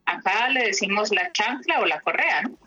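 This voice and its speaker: A woman therapist telling stories from her practice in an interview, reflective and pausing with fillers. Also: mid-range voice, expressive, sharp tone, lo-fi sound.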